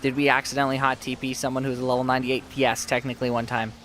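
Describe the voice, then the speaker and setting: Talking very fast with a flat, slightly bright mid-range voice, this live game streamer reads and responds to viewers in chatty fashion. His sore throat is making his voice fade, and a little hiss or hum runs underneath.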